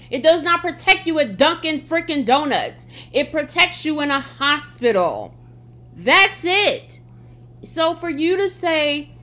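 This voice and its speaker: A woman podcaster with a fairly high voice talks straight to her listeners in an opinionated, scolding way. Mouth sores give her speech a slight lisp, and she leans hard on her points. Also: pushed and bright. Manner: blunt, emphatic, scolding. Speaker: podcast host. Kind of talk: opinionated solo podcast talk.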